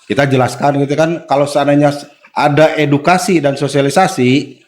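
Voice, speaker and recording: Steady Indonesian-speaking man explaining plainly. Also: fairly high pitch, normal speed. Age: 40s. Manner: steady explanatory, agrees often with short replies. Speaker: guest official. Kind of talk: casual podcast conversation.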